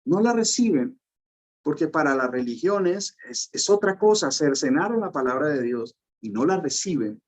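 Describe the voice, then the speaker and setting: A man preaches a sermon as pastor, his voice sitting a little high for a man. He drives his points home with emphasis and keeps tossing rhetorical questions to the congregation. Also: animated, normal speed, a little mellow.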